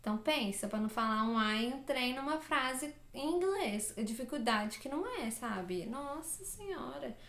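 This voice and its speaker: A woman's voice: a little high, lively intonation, moderate pace, hardly any pauses, fairly bright tone. A young woman from Minas Gerais with a Minas Gerais Brazilian Portuguese accent, chatting casually to camera as a vlogger and rambling with many fillers and self-corrections. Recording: echoey room.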